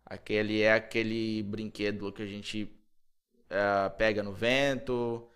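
Slow, patient Brazilian man teaching English. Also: lowish voice, little pitch movement, a bit bright, smooth. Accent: Brazilian Portuguese, Mato Grosso. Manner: slow, repeats words over and over for drilling. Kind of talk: video English lesson for Portuguese speakers.

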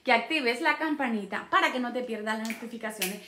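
A woman's voice: on the high side, fairly quick, bright, forceful tone, distant mic. Woman baby-talking her parrots, echoey room. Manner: coaxing baby talk to the birds. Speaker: pet parrot channel host. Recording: echoey room, away from mic, noisy.

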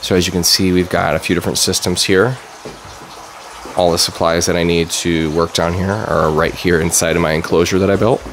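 A man in his thirties giving a relaxed, chatty walkthrough as host of a DIY channel, with plenty of fillers. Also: low voice, brisk, a little hiss or hum. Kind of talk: casual walkthrough vlog. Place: basement grow room under pink grow lights; garage workshop, indoors.

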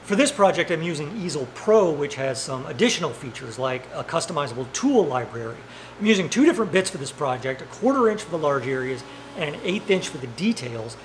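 A middle-aged man with a slightly high voice keeps up a casual, joking running commentary to himself as he builds. He is recorded on a small mic in a big arched metal workshop. A faint hum sits under his voice. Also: big pitch swings, fairly quick. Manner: jokey, talks to himself while working. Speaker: maker and woodworking host. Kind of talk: casual workshop vlog talk.

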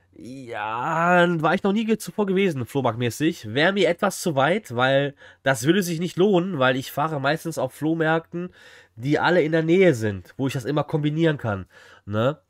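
A man in his 30s streams from a small indoor room, reacting to a flea market video. His voice is a little high and the sound is dry with no room echo. He talks casually and slangily, straight to his chat.

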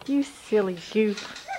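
A woman's voice: mid-range voice, noisy background. A woman filming her young children on a home camcorder, coaxing them in a sing-song baby-talk voice. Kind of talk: home video narration. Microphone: handheld camcorder.

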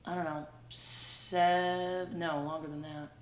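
A middle-aged woman hosting a casual chat, speaking in a halting, self-deprecating way. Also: fairly low pitch, little pitch movement, reverberant. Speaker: host, singer-guitarist. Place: small wood-paneled room at home.

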